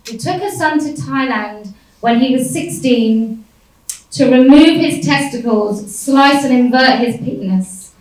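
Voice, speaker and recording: A woman's voice: high-pitched, unhurried, a little mellow. A woman speaking on a panel, telling a story in a wry, defiant way and laughing often. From United Kingdom. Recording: echoey hall from far off.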